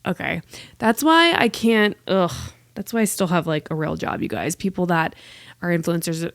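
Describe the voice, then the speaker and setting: A woman from the United States in her late twenties hosts a casual solo podcast, rambling and poking fun at herself with plenty of "like" fillers. Her voice is fairly low, her speed normal, and the recording dry.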